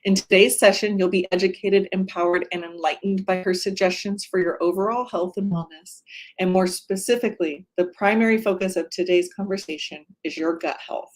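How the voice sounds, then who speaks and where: A woman's voice: fairly low pitch, steady tone, a little fast, poor audio. A woman moderator reading a formal introduction in a polished, announcer-like way.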